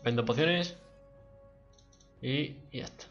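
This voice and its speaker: A man giving live gameplay commentary, excitable and swearing a lot as he talks to his teammates. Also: mid-range voice, slow pace, dull audio, faint music behind. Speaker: livestreaming gamer.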